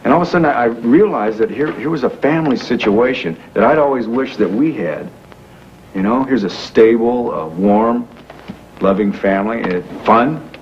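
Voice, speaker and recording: An actor playing a wealthy young man who has posed as a factory worker, explaining himself earnestly with halting fillers, in 1980s daytime soap acting heard from a worn VHS tape copy. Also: mid-range voice, lively intonation. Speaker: businessman explaining a masquerade. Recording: muffled hissy worn videotape of a TV broadcast.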